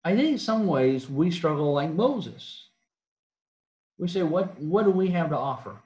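A man with a fairly high voice delivers an earnest sermon full of direct questions to his listeners. He often stumbles and restarts mid-phrase. The sound carries the echo of a church auditorium. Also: expressive, a little slow, darkish tone. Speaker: preacher. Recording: echoey church hall.

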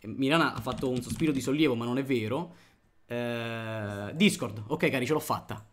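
A man's voice: medium pitch, moderate pace. A man streaming live at his computer, thanking viewers one by one and chatting as he plays.

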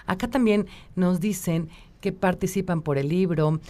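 Mexican woman radio host, lowish voice, upbeat, reads listener greetings on air. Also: a little slow, mellow. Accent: Mexican Spanish. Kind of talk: live radio talk show.

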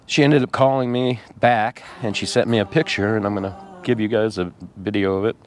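A man vlogging from his RV, talking tearfully and haltingly with many pauses and fillers. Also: fairly low pitch, steady tone. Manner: rambling, halting, with many ums and uhs. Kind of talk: casual vlog talk to camera.

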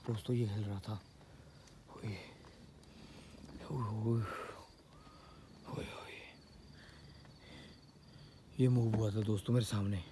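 A man filming a night ghost-hunting vlog outdoors on a handheld camera, jumping from startled loud cries to hushed whispers. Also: fairly low pitch, steady tone, slow pace, pauses often, background noise. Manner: jumpy, exclaims often, switches between loud cries and hushed whispers. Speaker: paranormal vlogger.

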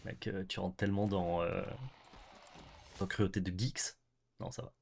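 A man's voice: low-pitched, flat delivery, measured pace, vocal fry, slight background noise. A young man co-hosting a card game stream, chatting casually, swearing and laughing often. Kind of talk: casual gaming chat.

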